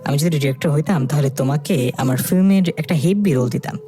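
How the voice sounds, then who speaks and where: A narrator voicing a sharp-tongued young woman who teases and mocks her rival. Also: medium pitch, quick pace, voice pushed down, close to an everyday voice. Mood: mocking. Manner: teasing, mocking.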